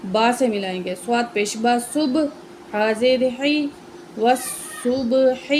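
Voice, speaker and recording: A woman teaching a Quran reading lesson, patiently spelling out each letter and stretching the joined words very slowly. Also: a little high, a little mellow, slight background noise, poor audio.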